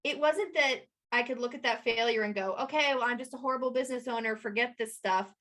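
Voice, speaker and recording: A woman guest in an interview, telling stories in a lively way and acting out the people she quotes. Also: brisk. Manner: animated storyteller, acts out quotes in a higher voice. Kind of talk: conversational interview.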